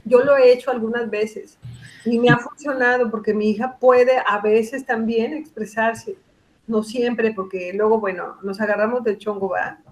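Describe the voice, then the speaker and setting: Woman, middle-aged, guest psychologist, casual podcast talk, reflective, slightly high pitch. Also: steady tone, normal speed. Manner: reflective, explains with examples and quoted dialogue.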